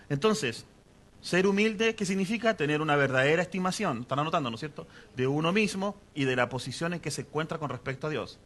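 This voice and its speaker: A man's voice: on the high side, animated, fairly quick, fairly bright tone. A man preaching a sermon as pastor, conversational and asking the congregation questions.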